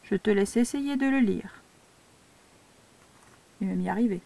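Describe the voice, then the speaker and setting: Une institutrice française qui explique l'écriture cursive à de jeunes élèves, pas à pas et avec patience. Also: female voice, medium pitch, gravelly, dark tone. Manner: slow, patient step-by-step instruction. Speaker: primary school teacher. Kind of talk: handwriting lesson for young children.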